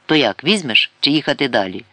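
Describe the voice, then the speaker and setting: A man doing a brash, teasing rough fellow. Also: medium pitch, expressive, fairly quick, bright, forceful tone, no room sound. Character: coarse middle-aged man, cheeky and flirtatious.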